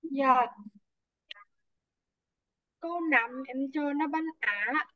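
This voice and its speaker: A female student explains her answer in an online lesson, halting and full of fillers. Her voice is high and slow, and it comes through dull, dry call audio. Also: no echo.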